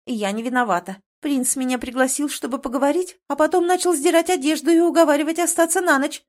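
A woman's voice: sits high, measured pace, voice pushed up. Woman voicing a sing-song scheming dragoness. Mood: indignant. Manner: sing-song, wheedling, theatrical.

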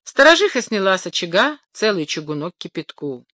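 Female storybook narrator, expressive, mid-pitched, dry close sound. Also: fairly quick, dry recording. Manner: animated storyteller. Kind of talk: expressive fairy-tale reading.

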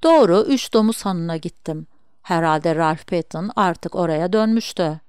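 A woman narrating a mystery novel as an audiobook, with steady storytelling delivery. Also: fairly low pitch, measured pace, smooth, no room sound, clean studio sound. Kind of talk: audiobook reading.

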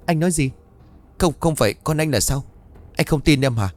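A man's voice: animated, moderate pace, lightly acted. A man voicing a frightened young bride who pleads in a raised voice. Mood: panicked. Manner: high pleading, panicked.

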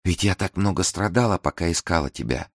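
A man's voice: low-pitched, lively intonation, a little fast, no echo, clean studio sound, voice pushed up. A man voicing a ragged, grieving mother who pleads tearfully with her son in a storybook tale. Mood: pleading.

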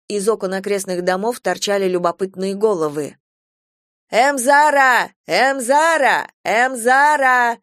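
A woman's voice: medium pitch, darkish tone, dry recording. Wry woman narrator, dry sound. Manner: wry, ironic. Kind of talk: storytelling narration.

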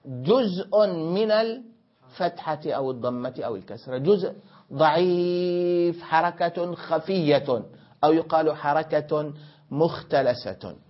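A man teaching a grammar lesson, questioning his students and correcting them, explaining by repeating and rephrasing points. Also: on the high side. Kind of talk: classroom lesson. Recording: dull lo-fi classroom recording.

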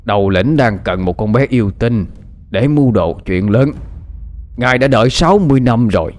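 A man's voice: mid-range voice, lively intonation, normal speed, darkish tone, natural voice. A man voicing a gloating, cruel middle-aged villain of a martial sect who mocks his captives in an audiobook story. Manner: mocking, laughing, self-satisfied.

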